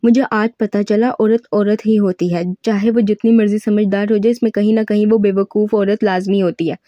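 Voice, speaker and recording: A woman's voice: mid-range voice, steady tone, normal speed, no echo, dull audio, lightly acted. A woman voicing a blunt young man who mocks and lectures. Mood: mocking.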